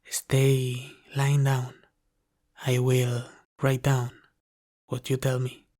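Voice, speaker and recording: In this ASMR roleplay, a man plays a half-dragon butler whose darkish, mid-pitched voice stays monotone, level and restrained at a slow, careful pace. Devoted, formal and caring, he defers to the one he serves with apologetic humility.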